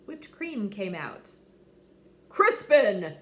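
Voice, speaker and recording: A woman reads a children's story aloud, giving scripted narration with dramatic, theatrical inflection. Her medium-pitched voice is a bit bright, with lively intonation and a measured pace.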